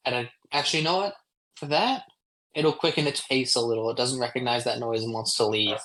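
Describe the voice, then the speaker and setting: A man runs a tabletop game, describing the scene in a measured way, pausing and filling gaps with ums. His voice sits at a middle pitch and sounds close to a streaming microphone. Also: sharp tone, poor audio. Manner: unhurried, descriptive narration with pauses and ums. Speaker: game master.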